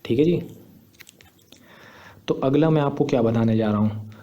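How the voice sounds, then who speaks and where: A man's voice: medium pitch, normal speed, lo-fi sound. A young man, patiently explaining step by step in a screen tutorial. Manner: patient, step-by-step, repeats points. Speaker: teacher.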